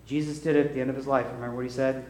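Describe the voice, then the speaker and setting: A middle-aged man preaching a sermon as a pastor. He tells a lively story full of small acted asides, then leads a quiet, soft-spoken prayer. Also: mid-range voice, very fast, slight background noise. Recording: roomy hall with faint ambience.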